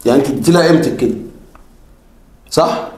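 A man's voice: mid-range voice, quick pace, darkish tone, faint music behind, natural voice. A man with an Egyptian Arabic accent playing a stern neighbor who lectures a woman about her manners. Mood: scolding. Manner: lecturing, indignant. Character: scolding male neighbor uncle, stern and preachy. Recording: roomy echo.

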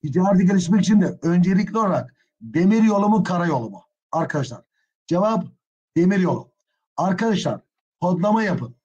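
Male history teacher, husky and fairly high, dull lo-fi class audio, indignant asides. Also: animated, fairly quick, darkish tone. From Turkey. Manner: addresses students as friends, gets openly indignant. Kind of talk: exam prep history lecture.

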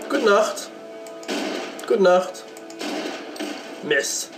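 With game music in the background, a let's play gamer comments on his own gameplay, chatting, joking, and talking to the game. He has a slight cold and sore throat, and his voice is high-pitched and animated, though he speaks very slowly.

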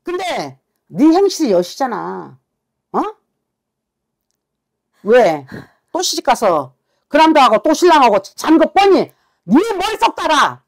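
A woman's voice: high-pitched, very animated, slow, pauses often. A woman shaman harshly scolding a client during a consultation. She swears as she berates, and keeps demanding answers. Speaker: shaman fortune teller.

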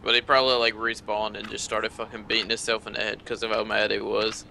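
A man's voice: lowish voice, little pitch movement, fast, vocal fry, bright, forceful tone, a little hiss or hum. A man playing an online game with a friend, casually and practically talking through loot and items.

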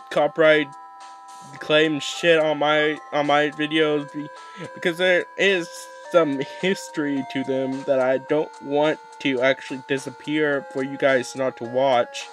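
A man's voice: a little high, steady tone, a little slow. Young man rambling over game music. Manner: rambling, swears a lot, restarts often. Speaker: gaming YouTuber. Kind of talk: casual let's play commentary.

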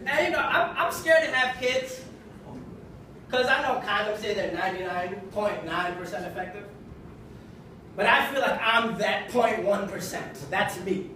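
A young man from Kenya performing a stand-up routine in a small comedy club, with a wry, conversational delivery and deadpan punchlines. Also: very high voice, slight background noise. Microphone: handheld mic, filmed from far in the audience. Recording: echoey club from far off with audience laughter.

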